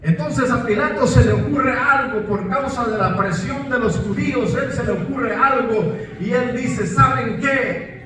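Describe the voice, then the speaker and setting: A male pastor preaching a fervent sermon, breaking into shouts and calls of praise, recorded in a church from a distance. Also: very high voice, unhurried. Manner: fervent, bursts into shouts, interjects "aleluya". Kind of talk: Pentecostal-style sermon. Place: church sanctuary. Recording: echoey hall, distant mic, faint noise.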